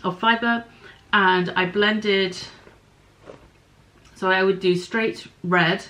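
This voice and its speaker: A woman's voice: medium pitch, steady tone, extremely slow, bright, forceful tone, low-quality recording. Chatty woman musing over her crafts. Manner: chatty and musing, thinking aloud with small apologies. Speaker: podcast host. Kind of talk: casual chat about knitting and spinning.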